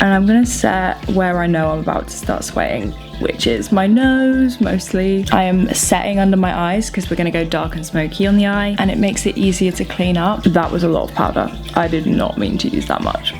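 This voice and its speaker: A thirty-year-old woman, chatting casually and playfully through her makeup routine as a beauty vlogger. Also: medium pitch. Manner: chatty, playful, laughs often. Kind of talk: casual get-ready-with-me makeup chat.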